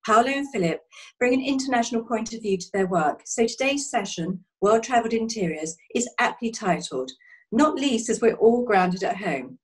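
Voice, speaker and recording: Woman host, scripted welcome, lively and a touch breathy, heard from a distance over a call. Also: a little high, normal speed. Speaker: host introducing a webinar. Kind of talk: scripted introduction. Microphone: video call. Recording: distant, husky video call audio.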